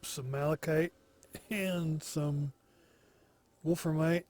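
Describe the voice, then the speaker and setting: A man giving relaxed solo commentary as he plays, slow and musing, thinking aloud to himself. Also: on the high side. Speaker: gameplay commentator.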